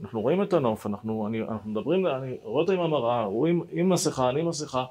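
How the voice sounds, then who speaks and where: A rabbi telling a personal story to listeners, animated and speaking to them directly. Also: male voice, mid-range voice. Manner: animated, acts out dialogue, addresses listeners directly.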